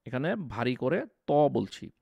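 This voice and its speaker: A man teaching a tajweed lesson on Quran pronunciation, explaining patiently and drawing out the letters slowly to demonstrate them. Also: mid-range voice, very animated, gravelly, a little mellow, husky, lo-fi sound. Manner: slow, drawn-out demonstrations of Arabic letters.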